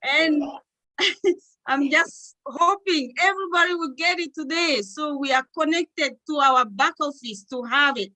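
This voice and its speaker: A woman from Togo, co-hosting an online panel, speaking with excitement and many halting fillers. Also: high voice, rough recording. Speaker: co-host.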